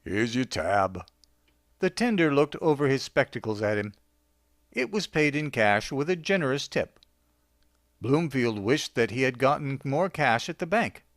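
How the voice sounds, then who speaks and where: A man reading a short story aloud with a wry, deadpan delivery. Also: mid-range voice, moderate pace, no echo, clean studio sound. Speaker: narrator.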